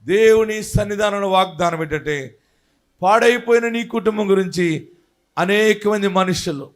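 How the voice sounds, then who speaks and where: A man preaching a fervent sermon as a pastor, swinging between loud shouting and soft pleading as he leads the congregation in prayer. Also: high-pitched, normal speed. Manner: leads the congregation in prayer, speaking lines for them to repeat.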